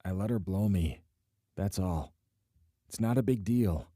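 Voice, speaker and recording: A man playing a remorseful young man who pleads in a low, quiet voice in a romance audiobook. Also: measured pace, no echo, studio quality.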